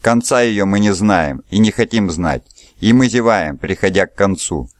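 A man voicing a calm, defiant male hero who speaks in a measured way. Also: fairly low pitch, no echo, close to an everyday voice.

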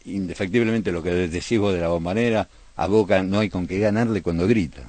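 A man's voice: deep voice, a little fast, a little mellow, no room sound. A man with an Argentine accent, a radio host telling playful football crowd stories in casual chat. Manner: playful, chanting bits of crowd songs in his stories.

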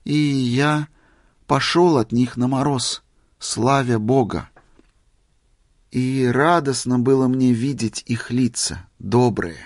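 A man reading aloud, voicing a meek, gentle wandering holy fool in a plain, humble way. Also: mid-range voice, takes it slowly, dry recording, clean studio sound, voice pushed up, lightly acted. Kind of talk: story reading.

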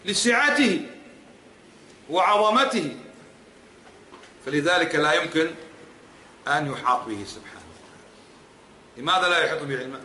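A man's voice: a little high, lively intonation, normal speed, pauses often, sharp tone, slight background noise. A man teaching as an Islamic scholar in a religious lecture, emphatic and repeating points, pressing the audience with rhetorical questions. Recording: echoey hall with faint ambience.

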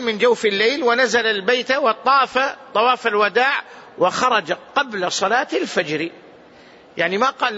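A man's voice: extremely high pitch, bright, forceful tone. Sheikh guy teaching hadith in a big mosque, repeats stuff for emphasis, kinda muffled recording. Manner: repeats key phrases for emphasis. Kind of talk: mosque lesson explaining hadith. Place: large mosque.

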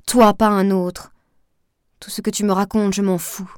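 Brief: woman narrator doing an intense, reproachful young woman in love, a touch higher and louder, dry close sound. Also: flat delivery, fairly quick, no echo, natural voice. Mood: pleading. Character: jealous young woman pleading with her lover.

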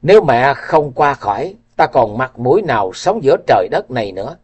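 A man's voice: mid-range voice, big pitch swings, fairly quick, breathy edge, lo-fi sound. Man voicing a desperate young swordsman. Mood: despairing. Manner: shouting in despair, voice trembling.

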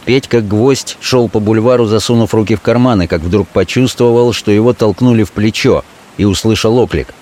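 A man narrates classic prose in a low, steady voice. His reading is measured and even.

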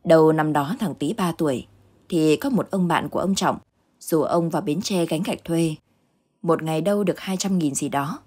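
A woman narrating a ghost story in a steady, dramatic reading. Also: sits low, moderate pace, husky. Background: faint background music.

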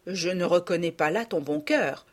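A woman voicing a gentle but firm mother who speaks in an earnest, admonishing way, in a storybook reading. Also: on the low side, sing-song, normal speed.

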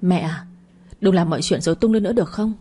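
A woman's voice: lowish voice, fast talker, mellow, slightly rough. A woman voicing a callous, defensive grown son who snaps back at his mother in an audio story. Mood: irritated. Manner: dismissive, snapping back.

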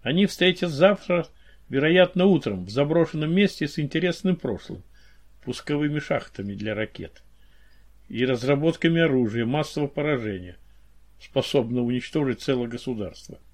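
A man's voice: medium pitch, animated, normal speed, lightly acted. A man reading the part of an eager, pushy male investigator in an audiobook. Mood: pressing.

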